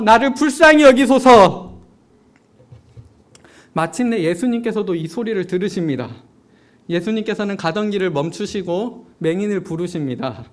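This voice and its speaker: A man with a high voice delivers a sermon to his congregation at an evening church service. He preaches as a storyteller, speaking straight to the listeners and putting rhetorical questions to them. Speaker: junior pastor.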